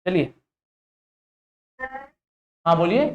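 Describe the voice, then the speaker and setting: A man's voice: high-pitched, lively intonation, drawn-out words, highs cut off. An Indian man teaching a live online class, quizzing students and repeating short check-ins as he explains. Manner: interactive, repeats "ठीक है" and "देखिएगा", drills students with questions. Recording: echoey room.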